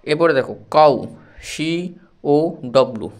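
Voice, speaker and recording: A man's voice: fairly high pitch, a little slow. A man, patiently spelling out English words letter by letter in a phonics lesson for children. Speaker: English teacher.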